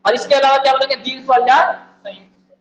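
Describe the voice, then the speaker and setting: A male teacher giving an exam-prep lecture, repeating key points and firing quick questions at the listeners. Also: extremely high pitch, little pitch movement. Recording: echoey room, faint background noise.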